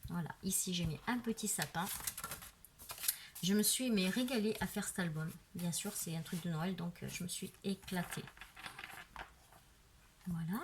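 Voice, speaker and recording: Chatty French crafter woman, low voice. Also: normal speed, pauses often, noisy background. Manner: chatty, frequent "voilà" and "euh" fillers. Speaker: craft video maker. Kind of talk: casual craft show-and-tell. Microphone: camera on a tripod.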